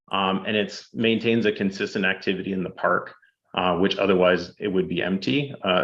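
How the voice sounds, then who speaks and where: A man presenting statistics to a city council, steady and fact-heavy, with frequent ums. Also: low-pitched, highs cut off. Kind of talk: public presentation. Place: council chamber.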